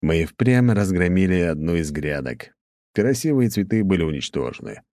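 Deep voiced guy reading an audiobook, lively pitch, dry close sound. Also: normal speed, no echo. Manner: lively, expressive storytelling. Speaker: audiobook narrator. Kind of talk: scripted audiobook narration.

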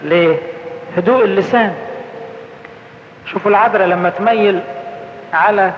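Egyptian priest preaching in an echoey hall. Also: male voice, high-pitched, slight background noise. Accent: Egyptian Arabic. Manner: colloquial, asks questions and answers them himself; slows down to quote scripture. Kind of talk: conference sermon. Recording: echoey hall, slightly dull sound.

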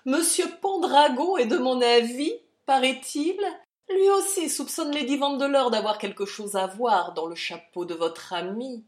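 A furious, bullying old general barks and blusters, as a woman reads him aloud. The voice swings widely in pitch. It comes from a storybook audiobook. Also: very animated, a little slow, few pauses, reverberant. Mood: roaring. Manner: roaring, blustering.

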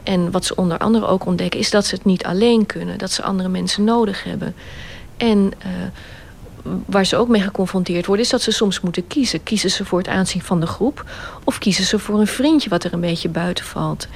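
A woman gives reflective commentary on the radio. She explains her points in a calm, measured way. Her voice sits at a mid pitch. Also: creaky.

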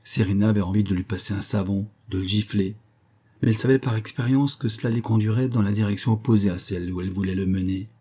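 Man, audiobook narrator, scripted literary narration, low voice, husky, measured. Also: steady tone, warm tone.

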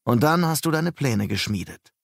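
A man's voice: mid-range voice, animated, moderate pace, creaky, no room sound, studio quality, voice pushed up. A man voicing a brash, mocking male police detective in an audiobook, with a scornful, needling manner.

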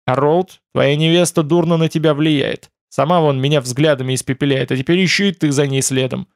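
A man's voice: a little high, fairly even intonation, a little fast, no echo, clean studio sound, natural voice. A man voicing a wry, easygoing young man who jokes and teases in an audiobook. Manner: joking, mildly sarcastic.

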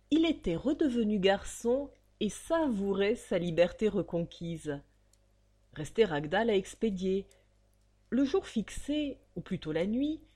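A woman narrating an audiobook in a measured, expressive way. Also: fairly low pitch.

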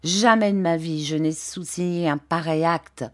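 A woman reading a pompous gentleman's letter. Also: deep voice, unhurried. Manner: florid, declamatory.

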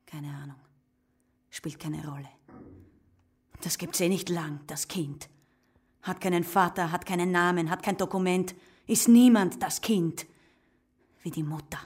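Bitter husky young mom, curt and cold, radio play. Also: female voice, medium pitch, lively intonation, normal speed. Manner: curt, contemptuous. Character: bitter young unwed mother, hardened. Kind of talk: radio drama acting.

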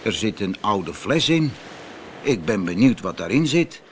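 A man's voice: fairly low pitch, sing-song, a little slow, slight background noise, pitched below the performer's own voice. A man voicing a poor, frightened male fisherman who begs for his life. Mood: curious. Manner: pleading, begging.

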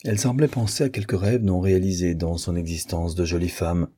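A man narrating a classic novel as an audiobook in a measured, even reading. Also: deep voice, husky.

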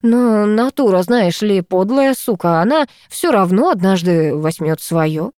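A woman reading an audiobook, voicing a flamboyant, unruffled male photographer in a slow, high, drawn-out way. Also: lively intonation, mellow, no echo, studio quality, close to an everyday voice. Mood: languid, teasing.

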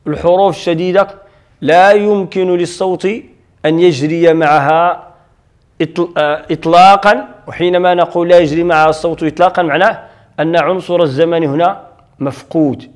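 A middle-aged man with a Moroccan accent lecturing on Quran recitation rules, explaining patiently and asking himself questions. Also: high voice. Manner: explanatory, repeats key terms and asks himself questions. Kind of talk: classroom lecture on tajweed.

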